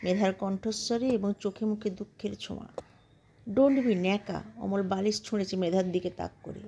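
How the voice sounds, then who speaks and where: Mellow woman narrating a story. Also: mid-range voice, creaky, slight background noise. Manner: steady, measured storytelling. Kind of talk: scripted narration.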